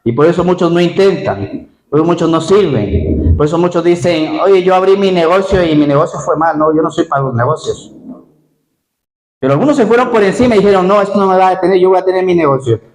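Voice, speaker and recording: A male pastor preaching to his congregation, his fairly high voice ringing through an echoey church hall. He talks lively and keeps turning to the people with questions. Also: fast talker. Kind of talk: sermon. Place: Spain.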